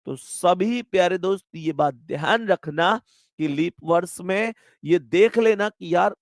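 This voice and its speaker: A man's voice: high voice, gravelly, a little mellow, no echo, studio quality. A man teaching an exam-prep class online, chatty and affectionate, often calling his students his dear friends. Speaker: maths and reasoning teacher.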